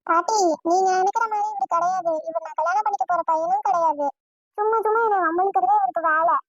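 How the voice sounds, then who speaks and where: A woman's voice: extremely high pitch, fast talker, no echo. A woman voicing a fretful, easily flustered young woman who complains and sounds exasperated, in a cartoon. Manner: whiny, exasperated. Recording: dull lo-fi dry sound.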